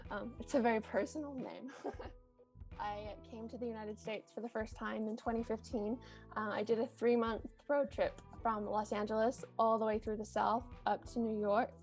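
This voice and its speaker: Kiwi woman guest, 30s, vocal fry, talks through a lot of fillers, faint music under. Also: on the high side, a little mellow. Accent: New Zealand. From New Zealand. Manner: chatty, many ums, laughs often. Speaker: vintage shop owner, guest. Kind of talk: casual interview.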